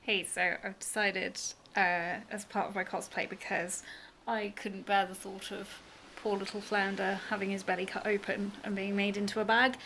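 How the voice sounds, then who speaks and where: A young woman chatting casually in a vlog, bubbly and excitable, with lots of "um" and "like". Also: medium pitch, normal speed, a little hiss or hum. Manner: bubbly and excitable, many "um" and "like" fillers. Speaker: cosplay vlogger.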